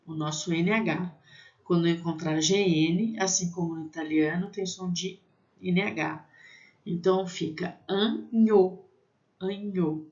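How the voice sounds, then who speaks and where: A woman from Brazil teaching technical French to pastry students, spelling out sounds slowly and often checking in with "né?". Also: on the low side, darkish tone. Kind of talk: language lesson for pastry students. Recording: slightly dull lo-fi recording.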